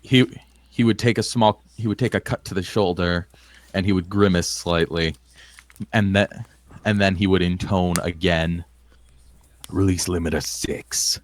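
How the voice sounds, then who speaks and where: A deep, low-voiced man runs a tabletop role-play game. He narrates slowly and steadily, sometimes restarting a line. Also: no room sound. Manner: slow, measured narration with some restarts. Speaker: game master.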